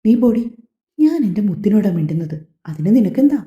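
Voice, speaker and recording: A woman's voice: mid-range voice, very animated, fairly quick, natural voice. A woman voicing a loving young husband who teases his wife and talks tenderly to their unborn baby, in an audio story. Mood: doting. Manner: tender, teasing. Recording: echoey, slightly dull home recording.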